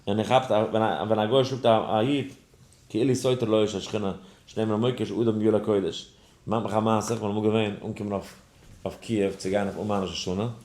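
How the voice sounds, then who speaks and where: Lowish-voiced man telling a story in a lesson. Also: a little fast. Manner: animated storyteller, acts out other voices. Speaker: rabbi teaching a daily study class. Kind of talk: lesson with a told personal story. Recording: roomy echo.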